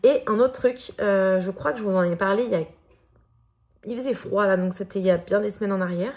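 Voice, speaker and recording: A woman's voice: mid-range voice, fairly quick, darkish tone. A woman in her thirties from France with a French accent, chatting casually in a vlog with many hesitations and fillers. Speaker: vlogger.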